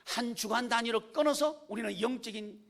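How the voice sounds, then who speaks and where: A male pastor preaching a Sunday sermon in church. He asks rhetorical questions, prompts the congregation for amens, and swings from loud calls to hushed, near-whispered lines. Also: extremely high pitch, brisk, gravelly. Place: church sanctuary.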